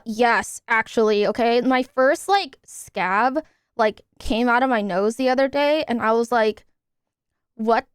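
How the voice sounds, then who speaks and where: A woman's voice: a little high, clean tone, dry recording, studio quality. A young woman streaming live, chatting casually and thanking her subscribers in an upbeat way while recovering from nose surgery.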